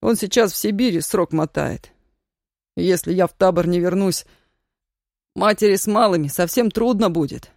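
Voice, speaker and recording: A reader voicing a stubborn, earnest young Roma man who speaks slowly and weighs each word, in a storybook reading. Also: medium pitch, gravelly, a little mellow, no echo, studio quality, natural voice.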